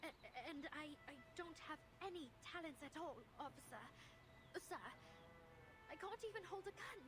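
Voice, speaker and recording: A woman's voice: on the high side, expressive, a little fast, close to an everyday voice. An actress playing a timid, flustered young woman who stammers awkwardly in a video game. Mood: nervous, stammering. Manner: stammering, hesitant, apologetic. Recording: game music behind the voice.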